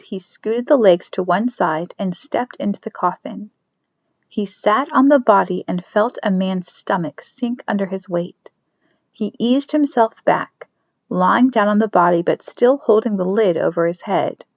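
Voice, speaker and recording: A woman narrating a chapter of a novel in a steady storytelling manner, dropping to soft whispers for a character's thoughts. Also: mid-range voice, a little slow, dry recording. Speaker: audiobook reader. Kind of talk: scripted narration. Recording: dry, dull lo-fi recording.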